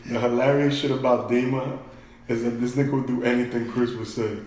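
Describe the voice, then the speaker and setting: Excitable slangy man in an echoey room. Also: mid-range voice, brisk, slight background noise. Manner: excited, interjecting, slangy, switches into Spanish. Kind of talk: casual chat among friends.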